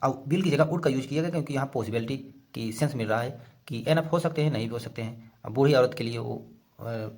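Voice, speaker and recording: A man who teaches English, reading story lines slowly and explaining the grammar word by word in Hindi. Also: medium pitch, a little mellow.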